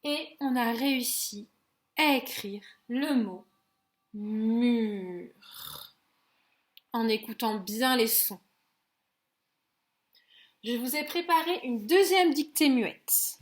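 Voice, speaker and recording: A woman teacher with a French accent giving a slow phonics lesson to young children, sounding out each letter and syllable clearly and gently. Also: sits high, animated. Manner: gentle and encouraging toward children.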